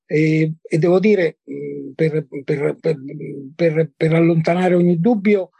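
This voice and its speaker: A man's voice: fairly high pitch, fairly even intonation, slow pace, gravelly, warm tone, no room sound. An older man from Italy recalling past encounters as a guest, hesitant, with many fillers and repeated words. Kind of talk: conversational recollection.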